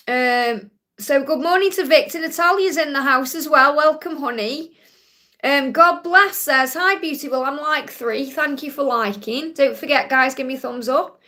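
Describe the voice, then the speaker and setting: A woman's voice: high voice, a bit bright. A woman from Stoke-on-Trent with a Stoke accent, giving a live card reading and chatting to viewers in a reassuring, direct way. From Stoke-on-Trent, England. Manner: reassuring, addresses listeners directly, often checks with "okay?". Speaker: psychic card reader hosting a live stream.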